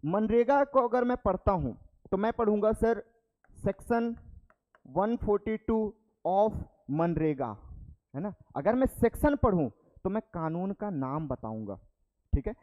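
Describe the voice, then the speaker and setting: A man's voice: sits high, big pitch swings, normal speed, highs cut off. A young male teacher giving a classroom lecture, explaining step by step and checking in with the class after each point. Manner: explains step by step, repeats terms, checks with "ठीक है".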